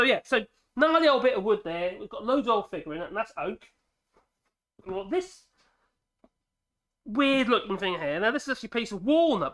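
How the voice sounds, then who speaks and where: Congested from a cold, this middle-aged woodworking channel host talks in a high-pitched voice that sounds pushed and bright. He rambles chattily and pokes fun at himself in a casual vlog recorded in his home workshop, using a mic clamped to the ceiling.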